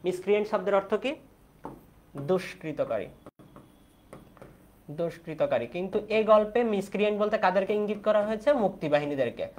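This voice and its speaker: A young Bangladeshi man runs an online exam-prep class in Bengali, posing questions and repeating the key answers. His voice sits high.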